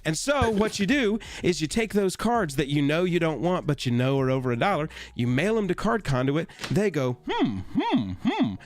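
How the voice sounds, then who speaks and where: Very animated and barely pausing, a young man with a slightly high voice talks at normal speed on a dry recording with faint music. Co-hosting a card game stream, he jokes around, does silly voices, and reads a sponsor spot amid casual chat.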